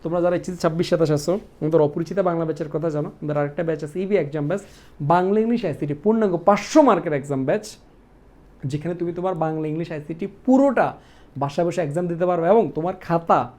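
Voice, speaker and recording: Young man, Bangladeshi Bengali accent, exam tutor, punchy stressed words, warm mellow tone. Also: a little high, fast. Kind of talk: online exam-prep lesson.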